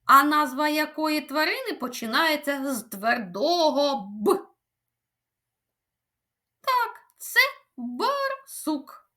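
Bright sing-song preschool teacher woman. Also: high voice, very animated. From Ukraine. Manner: slow, sing-song teacherly delivery, stretching words. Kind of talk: children's speech lesson.

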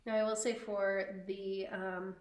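A woman co-hosting a podcast, chatting casually and slowly about her knitting with frequent ums. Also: medium pitch, little pitch movement, echoey room. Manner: slow, chatty, many ums. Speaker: podcast co-host.

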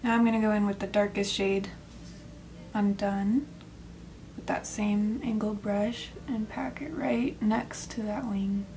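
A woman's voice: mid-range voice, steady tone, unhurried, a little mellow, a little hiss or hum. A young woman narrating a makeup tutorial in a casual, step-by-step way, sometimes dropping to a near whisper. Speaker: makeup vlogger.

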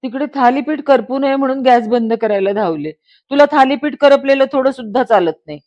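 A woman's voice: sits high, brisk, muffled recording, pitched above the performer's own voice, lightly acted. A woman voicing a hurt young pregnant wife who speaks in a pleading, reproachful way close to tears, in a dramatized story reading.

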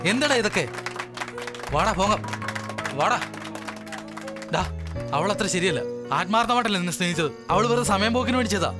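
A man's voice: high-pitched, expressive, normal speed, pauses often, over loud music. A man dubbing a bossy, scolding friend in a comedy film. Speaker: hero's protective friend.

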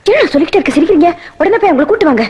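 A woman's voice: very high voice, expressive, very fast, a little mellow. An actress playing a scheming, bossy mother-in-law in a film comedy, nagging her husband. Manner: nagging, domineering.

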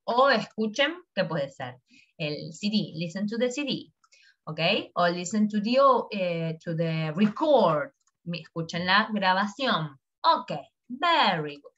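A woman with a Rioplatense Spanish accent teaching a recorded English lesson, switching between English phrases and Spanish explanations and repeating phrases slowly. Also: mid-range voice, very animated, fairly bright tone. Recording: dull lo-fi recording.

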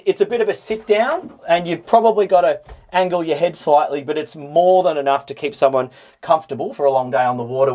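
A man's voice: a little high, a little mellow, no echo. A man in his thirties with an Australian accent, giving a chatty, enthusiastic walkthrough of a boat outdoors on a lapel mic, with fillers and restarts. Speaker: boat reviewer. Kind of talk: walkthrough presentation. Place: outdoors on a boat on a calm waterway.

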